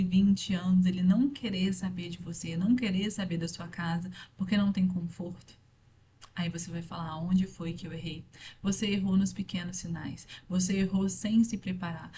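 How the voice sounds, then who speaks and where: A woman's voice: medium pitch, mellow, slight background noise. A young woman speaking earnestly and directly to the listener in a motivational faith talk, repeating her points for emphasis.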